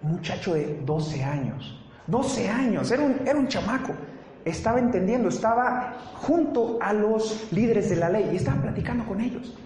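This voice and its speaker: A pastor preaching to his congregation in a fairly high voice. He keeps it conversational, asking the room questions and tossing in joking asides. The sound is roomy, with faint background noise from the church. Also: lively intonation, moderate pace, darkish tone. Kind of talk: sermon.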